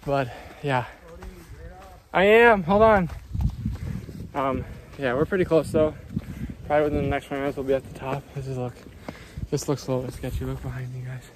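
A man's voice: mid-range voice, a little fast, pauses often, background noise. Man vlogging on a phone, outdoors. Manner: chatty, slangy, addresses viewers as guys. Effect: phone-recorded video sound. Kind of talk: casual hiking vlog. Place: outdoors on a mountain trail. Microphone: phone held while walking.

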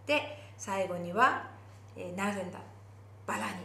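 A woman with a Japanese accent teaching English pronunciation for singing, slowly modeling lyric phrases between quick explanations. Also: medium pitch, expressive, fairly bright tone, reverberant, slight background noise. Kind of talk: singing lesson with demonstrations.

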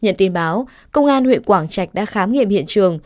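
A woman reading a news report voice-over in a steady, formal way. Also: mid-range voice, normal speed, no room sound, clean studio sound.

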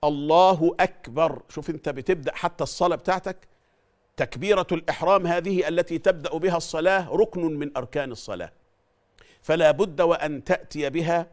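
A middle-aged man with an Egyptian Arabic accent, teaching Quran recitation, explaining in an animated way and repeating phrases to drill how they are said. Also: fairly high pitch, brisk. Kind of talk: Quran recitation lesson with chanted verses.

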